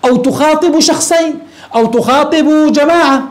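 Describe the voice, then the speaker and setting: A man teaching a grammar lesson, often checking in with quick rhetorical questions. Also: extremely high pitch. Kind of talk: classroom grammar lecture.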